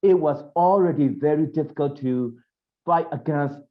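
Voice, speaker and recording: A man's voice: fairly high pitch, normal speed, dull audio. A man from Burma in his fifties, a panelist giving earnest testimony in English with phrasing. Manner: earnest, non-native phrasing.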